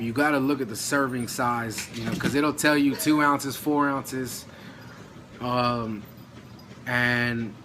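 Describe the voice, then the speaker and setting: A man's voice: mid-range voice, a bit bright. Man, casual rambling talk, lots of "you know", a bit breathless, faint hiss behind. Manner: loose, rambling, full of "you know" and mild swearing. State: out of breath, dry throat. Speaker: vlogger on diet and nutrition.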